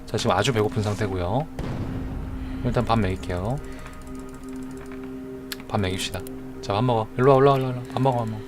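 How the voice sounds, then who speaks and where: A man's voice: lowish voice, brisk, pauses often. A man streaming a game live, chatting in a joking, mock-earnest way as he justifies his moves. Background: music.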